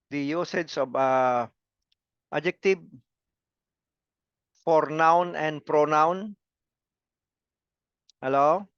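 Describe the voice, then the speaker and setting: Male grammar teacher, unhurried lecture, dry, muffled lo-fi recording. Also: on the high side, fairly bright tone, clear, resonant tone, dry recording. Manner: repeats words and syllables, asks "come again". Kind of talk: slow classroom lecture.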